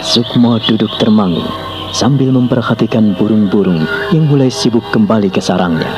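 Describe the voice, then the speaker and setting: A man's voice: fairly low pitch, normal speed. A man narrating a radio drama in a declamatory style. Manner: lively, declamatory. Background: loud music score.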